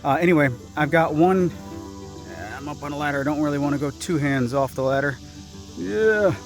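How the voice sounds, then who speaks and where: Music plays in the background as a man with a rather high voice speaks at normal speed to his camera. Working his land out in a wooded clearing, he chats casually, slightly short of breath, thinking aloud and making light of himself.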